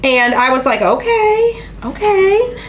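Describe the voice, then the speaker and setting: A very high-pitched woman speaks slowly on her casual craft live stream, sounding stuffy and nasal because of allergies. Her storytelling is chatty, full of fillers and thrilled interjections, with a little hiss or hum audible.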